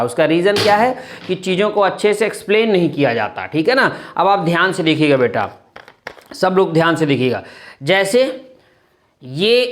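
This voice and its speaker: A man's voice: sits high, a bit bright. A male chemistry teacher giving a classroom lecture in with terms, calling students "beta" and asking and answering his own questions. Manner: calls students "beta", asks and answers his own questions, often says "thik hai na".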